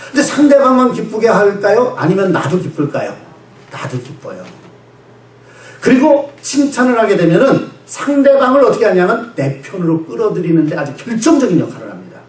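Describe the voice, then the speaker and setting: A male pastor preaches with a lively, bouncing delivery, tossing questions to the congregation and chuckling as he answers them. His voice sits a little high and swings widely. The sound echoes through a large church, caught from a distance. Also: brisk, a little hiss or hum. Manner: animated, calls and responds with the congregation, laughs. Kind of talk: sermon. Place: church sanctuary.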